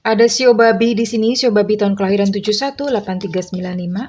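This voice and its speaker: Gentle woman giving a tarot reading. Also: medium pitch, fast talker. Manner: gentle, reassuring, calls listeners dear, drops in English phrases. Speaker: tarot reader. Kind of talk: casual tarot reading to viewers.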